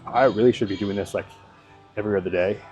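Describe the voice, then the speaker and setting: Male fitness vlogger, low voice, loose unscripted talk over soft background music. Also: steady tone, fast talker. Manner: rambling, thinks aloud, hedges and swears casually. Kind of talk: casual workout commentary.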